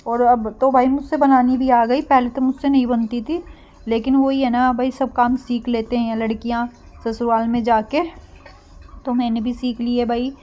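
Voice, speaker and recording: A young woman narrating a casual home cooking vlog, speaking softly and getting a bit breathless when she pushes her voice. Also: a little high, little pitch movement, moderate pace, lo-fi sound. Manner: soft-spoken, gets breathless when speaking loudly. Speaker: vlogger.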